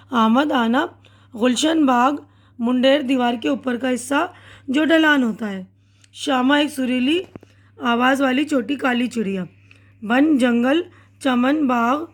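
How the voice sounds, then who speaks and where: A woman teacher patiently explaining a children's poem line by line, often checking in with her pupils and reading verses slowly. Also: high voice. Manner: patient, repeats and asks "hai na"; reads poem lines slowly.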